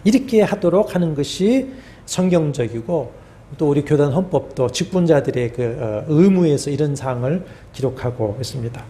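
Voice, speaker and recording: Male pastor, sermon delivery, mellow and slightly high, measured phrasing with fillers and falling endings. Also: lively intonation. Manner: measured preaching with drawn-out pauses and fillers; voice drops at phrase ends. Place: church sanctuary.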